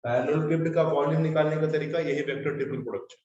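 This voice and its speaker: Speaking quickly with fairly even intonation, this maths teacher has a slightly mellow voice on the high side. He keeps repeating key terms and asking if the class is following along, heard through a muffled, echoey, far-off recording.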